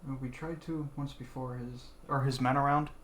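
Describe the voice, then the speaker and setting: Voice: mid-range voice, fairly even intonation, moderate pace, a bit bright. A player in a tabletop game, asking direct, practical questions. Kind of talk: casual tabletop play. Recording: echoey room, faint background noise.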